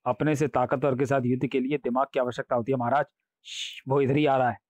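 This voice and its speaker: A cunning, cowardly courtier from a comic storybook trades mocking quips and nervous asides, as a man puts him on. The sound is dry and close, mid-pitched. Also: level tone, quick pace, a little mellow, no echo, lightly acted. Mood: sly. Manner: wisecracking and sly, mocking quips. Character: cunning, cheeky male courtier, sly and cowardly.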